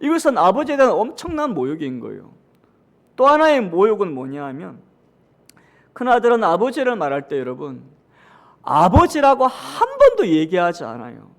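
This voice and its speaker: Gyeongsang pastor preaching to the church, talks to the people a lot, goes loud then soft, high voice. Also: male voice, wildly swooping pitch, moderate pace. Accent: Gyeongsang Korean. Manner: dramatic, swings between loud emphatic lines and hushed asides; addresses the congregation often, reads scripture aloud with them. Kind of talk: sermon.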